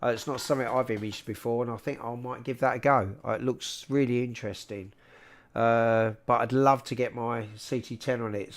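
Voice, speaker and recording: A man with a South London accent hosting a livestream in casual, matey chat, speaking into a large close microphone. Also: lowish voice. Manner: informal and matey, calling people "mate". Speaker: livestream host.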